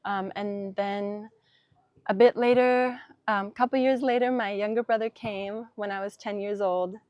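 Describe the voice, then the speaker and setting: Outdoors in a small vineyard on a summer evening, a young woman from Denmark, the guest designer, gives a casual, reflective interview full of ums, likes and soft laughter. Her medium-pitched voice is steady and a little slow, with a darkish tone. The noise-cancelling mic yields no echo but cuts off the highs.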